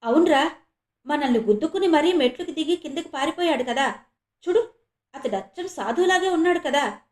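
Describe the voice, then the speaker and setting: A woman's voice: high-pitched, lively intonation, fairly quick, a little mellow, pitched above the performer's own voice. A woman voicing a startled young man insisting on what he saw, in a storybook reading. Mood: insistent. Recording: roomy echo.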